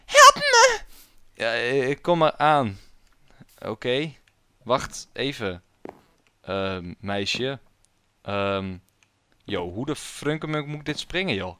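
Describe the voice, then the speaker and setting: A man's voice: mid-range voice, lively intonation, takes it slowly, long pauses, a bit bright, clear, resonant tone, dry recording. A young man giving jokey, self-mocking commentary while playing a video game. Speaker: gaming YouTuber. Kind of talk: casual let's-play commentary.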